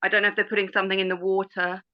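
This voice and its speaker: A woman's voice: mid-range voice, little pitch movement, rapid-fire. A woman talking casually on a group call, hesitant and rambling with many fillers. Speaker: call participant. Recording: lo-fi online call audio.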